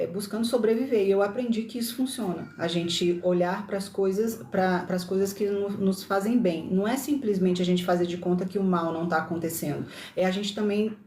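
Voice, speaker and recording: A woman's voice: medium pitch, mellow, slight background noise. A woman from Brasília with a lightly mixed Brazilian accent, hosting a casual livestream talk with many tag questions and self-corrections. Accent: Brasília Brazilian Portuguese, slightly mixed. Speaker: livestream host. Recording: roomy echo.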